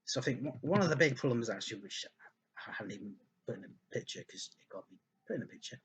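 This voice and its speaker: This man talks fast and expressively at a medium pitch, riffing on football over slides with lots of ums and restarts. He hiccups and burps throughout, and there's a little hiss or hum in the audio.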